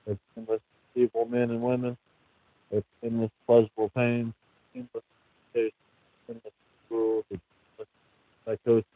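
A man calls in on a thin phone line, his voice fading in and out. He recites in a steady, flat tone with little rise and fall. The sound is dry and close, with no room around it. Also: medium pitch, no room sound. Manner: flat, repetitive list-like recitation. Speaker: caller reading a poem. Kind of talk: poetry reading on a call-in show.

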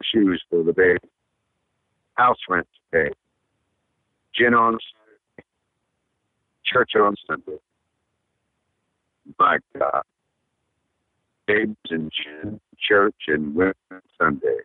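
A very deep, slow-spoken man calls in from Alabama to recite a poem. His voice comes through a thin, tinny phone line that cuts in and out, so words drop and break apart. He reads with long, measured pauses between phrases. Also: no echo. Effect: phone line breaking up, cutting in and out. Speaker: caller. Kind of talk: poetry recitation.

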